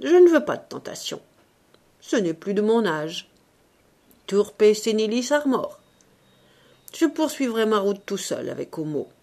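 A woman voicing a grumpy, sardonic old male showman in an audiobook, talking loudly and blustering. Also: mid-range voice, very animated, a little slow, long pauses. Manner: loud, blustering, exclamatory. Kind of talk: audiobook reading.

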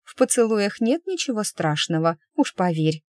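A woman's voice: medium pitch, sing-song, normal speed, darkish tone, dry recording, studio quality, pitched above the performer's own voice, natural voice. A woman reading an audiobook, voicing a flustered, giggly young woman who exclaims in a rising voice. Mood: giddy. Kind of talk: audiobook character voice.

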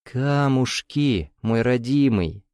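A man's voice: on the high side, big pitch swings, normal speed, dry recording, studio quality, pitched above the performer's own voice. A man voicing a jovial, sly bearded Russian nouveau-riche man who teases in a folksy, coaxing way with veiled menace.

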